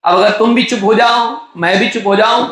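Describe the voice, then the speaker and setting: A man's voice: high voice, fairly bright tone, slight background noise. A man giving a religious lecture. He reads out Arabic texts and explains them at length, repeating key phrases for emphasis. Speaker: Islamic scholar giving a lecture. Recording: very echoey room.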